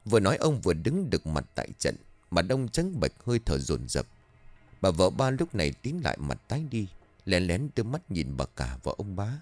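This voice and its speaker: Male storyteller, expressive narration, lively pitch, dry sound, faint music. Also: moderate pace, no echo. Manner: expressive, animated reading.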